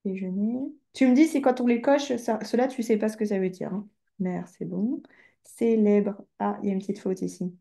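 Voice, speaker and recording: A woman tutoring French one-to-one, going through a dictation word by word and patiently repeating words slowly. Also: mid-range voice, gravelly, warm tone. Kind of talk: online one-to-one dictation lesson.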